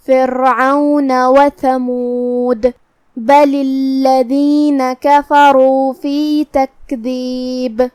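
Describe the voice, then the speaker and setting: A woman's voice: sits high, a little mellow, no room sound, studio quality. A woman with an Urdu accent teaching Quran recitation rules, explaining patiently and methodically, step by step. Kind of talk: tajweed lesson, explaining rules slowly.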